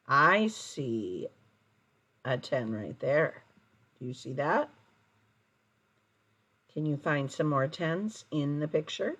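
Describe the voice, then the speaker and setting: A woman teaching young children like a kids show host, in simple phrases with prompting questions and deliberate, sing-song counting. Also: deep voice, fairly bright tone. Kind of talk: early-grade counting lesson, addressed to children.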